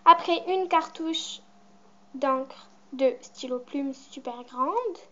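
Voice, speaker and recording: Teen girl vlogger, high-pitched and rambling, muffled home recording. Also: takes it slowly. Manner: chatty, rambling, with many fillers. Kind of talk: casual show-and-tell vlog.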